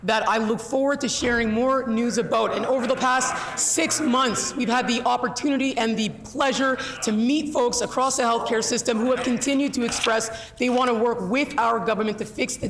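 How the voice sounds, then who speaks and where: A man's voice: very high-pitched, a bit bright. A man speaking as a government minister in an emphatic, rhetorical parliamentary speech with repeated phrases. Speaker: health minister. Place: large legislative chamber. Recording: very echoey hall with crowd noise.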